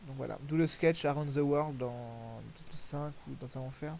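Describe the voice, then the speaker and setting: A man's voice: medium pitch, fairly even intonation, moderate pace, vocal fry, background noise. A man giving casual, rambling commentary over video clips, correcting himself often and using crude slang. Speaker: commentator reviewing fan music videos.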